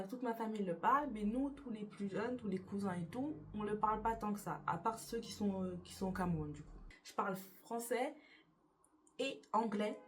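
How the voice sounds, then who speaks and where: Young woman chatting in a hesitant, low-pitched voice. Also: slight background noise. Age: young adult. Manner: hesitant, many fillers and restarts. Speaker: YouTuber. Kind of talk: casual get-to-know-me tag chat. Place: her bedroom beside a window.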